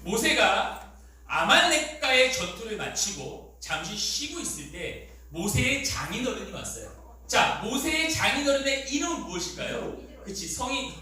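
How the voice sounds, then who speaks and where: Animated high-voiced man preaching in an echoey hall. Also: far from the mic. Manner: animated, quizzes the audience. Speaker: youth pastor. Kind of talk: lively sermon for middle schoolers. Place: church hall.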